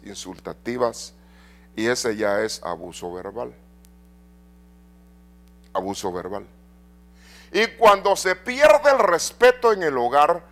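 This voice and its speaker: A middle-aged man preaching a sermon in a church, swinging between loud and soft and asking the congregation questions. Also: mid-range voice. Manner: addresses congregation with rhetorical questions. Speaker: pastor.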